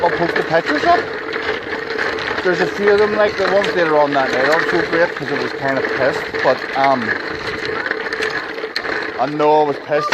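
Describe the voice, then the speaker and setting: A man in his thirties ranting profanely and heatedly to his followers in a rambling livestream outdoors. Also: fairly high pitch. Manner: profane, heated and rambling, with repeated asides and restarts. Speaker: page admin addressing followers. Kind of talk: angry livestream rant. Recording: loud outdoor background noise.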